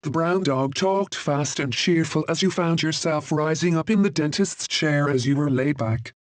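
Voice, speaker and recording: A man reading a scripted second-person story in a steady, even way. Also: a little high, normal speed, dry recording. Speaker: narrator.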